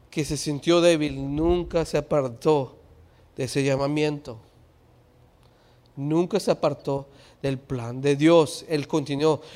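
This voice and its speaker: A middle-aged male preacher giving a sermon, moving from quiet talk to loud preaching shouts and slipping English words into his Spanish. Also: on the high side.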